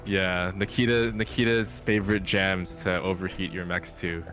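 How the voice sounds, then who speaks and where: A man's voice: low voice, little pitch movement, moderate pace, over music. A man, a game developer co-hosting a livestream, bantering and teasing his colleague casually. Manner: teasing, joking with co-host.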